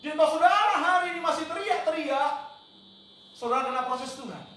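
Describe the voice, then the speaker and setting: A man preaching a sermon as pastor, emphatic, tossing in English words and sometimes shouting out quoted cries. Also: very high voice, fairly quick. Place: church hall. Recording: very echoey church hall, mic at a distance, faint noise.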